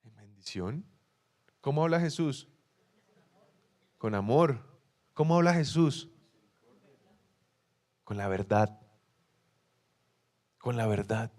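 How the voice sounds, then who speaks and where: Colombian pastor guy w bogotá accent, lively sermon, keeps quizzing the crowd. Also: medium pitch. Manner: animated, asks the congregation questions, acts out quoted excuses.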